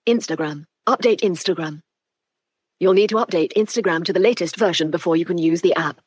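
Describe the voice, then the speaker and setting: A woman's voice: on the low side, brisk, slightly rough, no echo. A synthetic female screen reader voice played through a Bluetooth speaker, reading out on-screen labels and buttons. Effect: synthetic speech played through a Bluetooth speaker.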